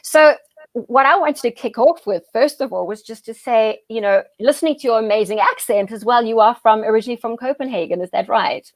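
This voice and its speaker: A woman's voice: on the high side, a little fast, no room sound. Woman host, enthusiastic, effusive, dry close sound. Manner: gushing, enthusiastic, effusive praise. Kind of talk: interview conversation.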